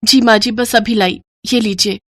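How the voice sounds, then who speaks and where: A woman's voice: fairly high pitch, steady tone, moderate pace, dry recording, studio quality. Woman doing a meek young daughter-in-law. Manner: soft, timid.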